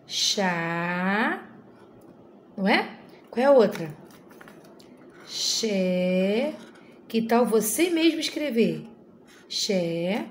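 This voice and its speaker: Slow, high-voiced teacher talking to kids. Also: female voice, sing-song, darkish tone, slight background noise. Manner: sing-song, coaxing teacher talk to small children. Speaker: inclusion teacher of first graders. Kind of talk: video lesson for young children.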